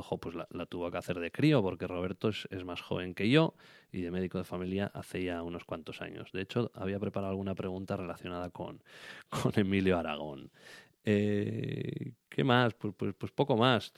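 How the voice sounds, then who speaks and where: A man's voice: fairly low pitch, smooth, dry recording, studio quality. A man hosting a podcast, chatting casually and rambling with many restarts and fillers. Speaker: podcast host.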